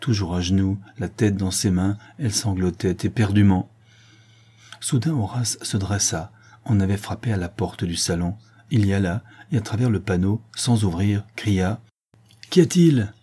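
A man narrating an audiobook in a measured, even storytelling manner. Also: sits low, slightly rough. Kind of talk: scripted narration.

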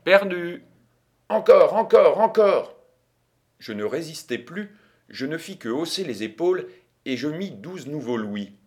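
A man narrating a literary audiobook in a measured, restrained storytelling manner. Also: medium pitch, lively intonation.

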